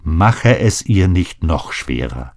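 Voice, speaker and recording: A man reading aloud, voicing a gentle but firm mother calming her husband. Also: sits low, slow, heavily acted. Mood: soothing.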